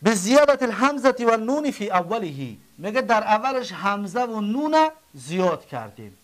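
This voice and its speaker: A man with a Tajik accent gives a grammar lesson in a fairly high voice. He drills each word form slowly and answers the questions he puts to his class. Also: sing-song, fairly bright tone. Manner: repeats forms slowly, asks and answers own questions. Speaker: Arabic grammar teacher.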